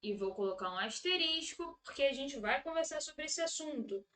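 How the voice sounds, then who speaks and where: A woman's voice: high voice, animated, moderate pace, a bit bright. A Brazilian woman teaching an exam-prep grammar lesson, repeating key words and checking in with her students.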